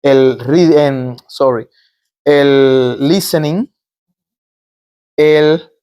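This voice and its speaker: A man's voice: medium pitch, extremely slow, mellow, smooth. A man with a Cuban Spanish accent, a migrant doctor being interviewed, who explains step by step with examples and often restarts his phrases. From Cuba.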